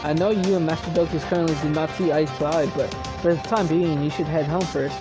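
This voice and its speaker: A man's voice: on the high side, fairly even intonation, fairly quick, natural voice. A man reading the part of a stern, loyal male servant in a formal, reproachful way, over game music.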